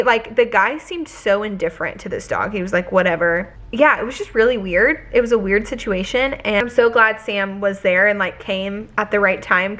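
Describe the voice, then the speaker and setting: A young adult woman vlogging casually, telling stories in a chatty, animated way full of "like". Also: mid-range voice. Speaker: lifestyle vlogger. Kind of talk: casual vlog chat and storytelling.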